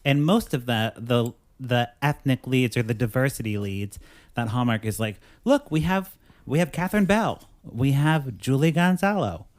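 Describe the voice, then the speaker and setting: A man hosting a casual podcast chat with a mid-range voice. He talks in an animated way and gets heated as he reads quotes aloud. He keeps the conversation moving. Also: mid-range voice, normal speed, dry recording. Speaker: podcast host.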